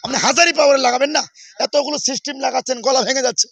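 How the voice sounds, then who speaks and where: A man's voice: extremely high pitch, flat delivery, rapid-fire, creaky, fairly bright tone. A male Islamic preacher scolding the sound man over a stage microphone in an irritated, lecturing way. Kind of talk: scolding talk from a sermon stage. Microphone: stage microphone on a big sound system.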